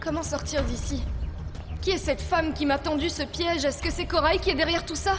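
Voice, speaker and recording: An actress voicing a young heroine, polite on the phone and later trapped and desperately pleading, in dubbed telenovela acting. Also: female voice, high-pitched, steady tone, normal speed, over music, lightly acted. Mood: praying. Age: young adult. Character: young woman, frightened captive heroine.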